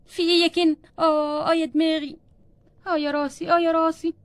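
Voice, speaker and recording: A woman's voice: very high-pitched, level tone, fast talker, no echo. A woman voicing a frightened, sick young wife and mother doll, with an Egyptian accent and anxious, pleading questions. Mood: pained. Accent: Egyptian Arabic. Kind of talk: doll play storytelling.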